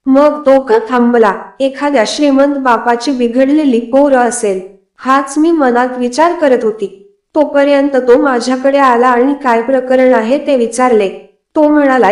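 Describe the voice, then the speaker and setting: A woman narrating a first-person story in a steady, confiding way. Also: high-pitched, measured pace. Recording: echoey room.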